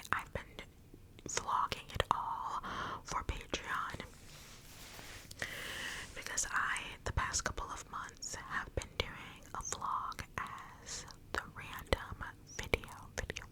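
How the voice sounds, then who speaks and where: A woman speaking in a breathy, unvoiced whisper, rambling intimately and repeating phrases in an ASMR style, cupped close to the mic. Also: rough recording. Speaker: ASMR content creator. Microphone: close mic with cupped-hand whispering.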